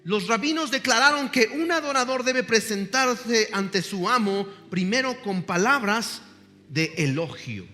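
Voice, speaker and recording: High, bright-voiced male preacher. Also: animated, measured pace. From Mexico. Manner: emphatic preaching, asks the congregation to repeat words. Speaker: pastor. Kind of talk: sermon. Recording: long reverb with faint music.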